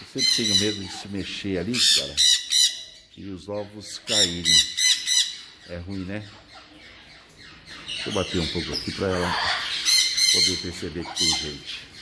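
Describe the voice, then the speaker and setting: A man, chatting excitedly on a vlog, cooing to his birds. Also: low-pitched, unhurried, long pauses. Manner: excited, chatty, coos at the bird. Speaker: parrot breeder. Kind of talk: casual vlog narration. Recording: loud background noise.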